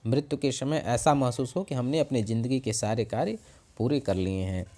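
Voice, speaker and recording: A man teaching a school Sanskrit lesson, reciting each verse slowly and then explaining it phrase by phrase, repeating key words for his students. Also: mid-range voice, dark tone. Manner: repeats phrases for students, self-corrects with a quick "sorry".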